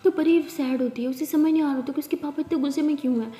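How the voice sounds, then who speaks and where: A woman's voice: sits high, steady tone, quick pace, warm tone. A woman narrating a story in a casual, conversational way. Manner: conversational, clears throat. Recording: echoey room with long reverb.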